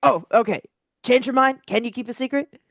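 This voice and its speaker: A woman's voice: on the high side, brisk, gravelly, no room sound, highs cut off. A woman game master improvising tabletop narration, piecing descriptions together hesitantly as she goes.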